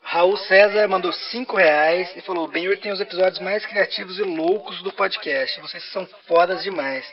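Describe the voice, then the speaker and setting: Brazilian man, half-robot voice effect, high pitch, muffled lo-fi sound, teasing podcast banter. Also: normal speed, hardly any pauses. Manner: playful, teasing, plays a programmed machine. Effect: half robotic voice filter. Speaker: podcast co-host. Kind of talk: casual banter and reading donations. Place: podcast studio.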